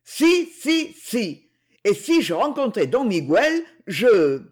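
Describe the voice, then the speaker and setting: A man's voice: high voice, very animated, a little slow, exaggerated voice. A reader voicing an impulsive, angry young man who talks heatedly.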